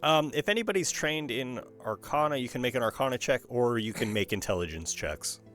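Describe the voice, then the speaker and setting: A man narrating a tabletop fantasy game as game master, describing scenes in measured, paused phrases. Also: medium pitch, animated, fairly bright tone, faint music behind.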